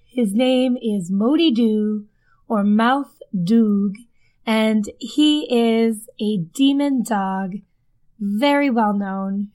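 A woman's voice: on the high side, mellow. A woman hosting a podcast, telling stories in a chatty way that circles back on itself, recorded under a blanket fort in her den. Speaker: podcast host. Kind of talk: casual podcast storytelling. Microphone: desk microphone under a blanket.

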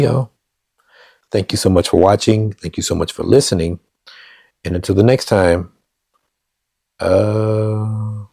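Deep gravelly man, slow and hesitant. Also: mellow, dry recording, clean studio sound. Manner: hesitant, self-correcting beginner reading phrases aloud. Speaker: language learner vlogger. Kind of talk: casual self-recorded practice. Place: at home on a couch.

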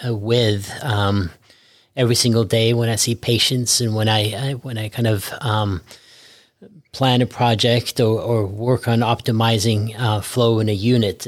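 Man from Norway, fifties, low-pitched, hesitant and thoughtful, dry studio sound. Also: no room sound. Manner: hesitant, reflective, many fillers. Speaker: guest physician. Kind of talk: podcast interview.

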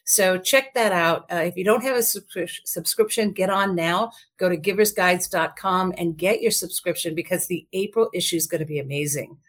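A woman co-hosting a podcast in casual chat, chatty and upbeat, with her morning voice lower than usual. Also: moderate pace, hardly any pauses. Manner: chatty and upbeat, lots of fillers. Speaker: podcast co-host.

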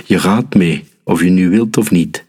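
A man's voice: deep voice, a little slow, darkish tone, slightly rough, big-room sound. A man voicing a stern, angry mother in a storybook reading.

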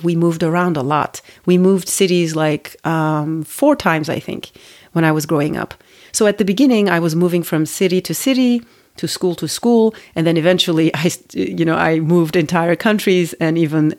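Her voice is low-pitched and a little mellow. In her forties and from Turkey, this podcast host narrates her personal story thoughtfully and conversationally, restarting sentences and using fillers along the way.

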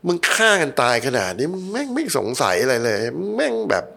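Gravelly middle-aged man, ex-ad creative guest, blunt and profane storyteller. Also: fairly high pitch, huge pitch swings, fast talker, bright, forceful tone. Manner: blunt, heated storytelling with heavy swearing. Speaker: podcast guest, former advertising creative. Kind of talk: casual podcast conversation.

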